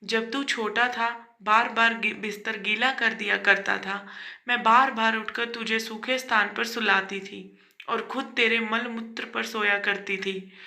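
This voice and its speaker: A woman's voice: a little high, fairly even intonation, a little slow, sharp tone, roomy sound, exaggerated voice. Woman voicing an elderly patient mother. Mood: reproachful.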